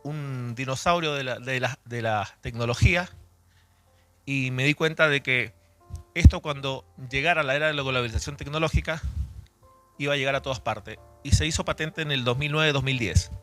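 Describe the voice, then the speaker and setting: A man's voice: mid-range voice, moderate pace, fairly bright tone, no echo, soft background music. A man in his forties from Chile, raised in Argentina, gives a conversational doctrinal teaching at church and restarts and corrects himself as he talks. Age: 40s. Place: church hall.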